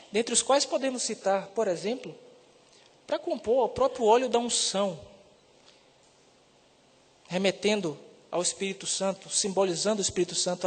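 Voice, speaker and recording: A man preaches to a congregation, building to loud, emphatic peaks on the words he stresses. His voice sits fairly high, and it rings out in a church hall with a long reverb tail. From Salvador, Brazil. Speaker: seminarian preacher. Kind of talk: sermon.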